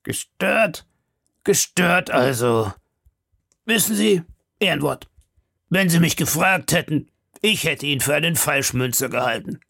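A man's voice: a little high, lively intonation, unhurried, gravelly, long pauses, pushed and bright, dry recording, studio quality, voice pushed up, exaggerated voice. A man voicing a fawning, chatty male prison food server in a story reading. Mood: gossiping. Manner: obsequious, chatty, gossipy.

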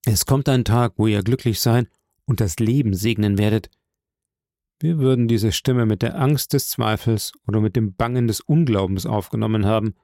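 A grave, fatherly nobleman counsels with quiet authority, as a man reading the story puts him on. His voice sits low, slow and subdued, dark and gravelly. The sound is close and dry. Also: no echo, natural voice. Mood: solemn. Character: solemn older nobleman, calm and fatherly.

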